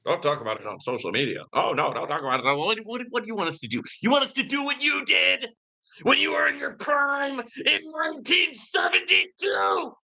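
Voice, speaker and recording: Shouting in a high-pitched, creaky, pushed, and bright voice with huge pitch swings, a man hosts a live Q&A stream at a fairly quick pace. He rants in a preachy, emphatic style, leaning on "right?" and "man."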